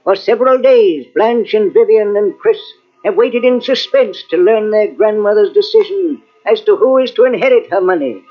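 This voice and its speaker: A man's voice: sits high, normal speed. A man narrating a scripted mystery in the manner of old-time radio. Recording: dull old radio recording with faint music.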